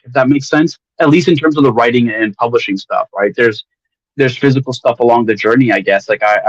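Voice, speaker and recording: A man's voice: mid-range voice, no echo. Man in candid chat, slightly muffled audio. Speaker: guest author. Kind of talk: casual livestream conversation.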